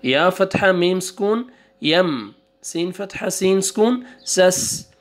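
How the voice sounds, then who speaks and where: A male Quran teacher spelling out syllables one by one, drawing out the recited words and giving quick asides between them. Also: sits high, lively intonation. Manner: slow drawn-out recitation, then quick asides. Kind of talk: spelling out syllables in a reading lesson.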